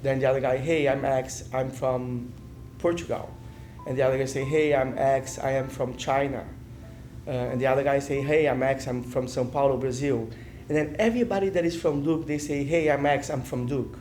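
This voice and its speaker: A man's voice: mid-range voice, fairly even intonation, normal speed, darkish tone, a little hiss or hum. A man in an interview telling an anecdote, acting out people introducing themselves.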